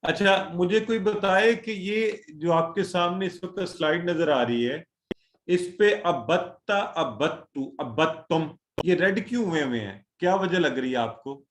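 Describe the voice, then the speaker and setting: A man's voice: sits high, a little slow, echoey room. A male teacher leading an online class, patiently drilling word forms and calling on students one by one. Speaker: Quran Arabic teacher.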